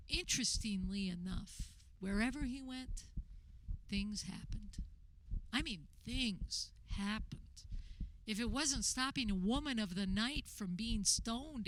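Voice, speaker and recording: Slow, reflective woman acting as Mary, a tender mother. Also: fairly high pitch, fairly bright tone, a little hiss or hum, rough recording. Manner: intimate, reflective storytelling with hesitant pauses. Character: Mary, tender grieving mother remembering her son. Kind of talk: dramatic monologue, conversational radio theater.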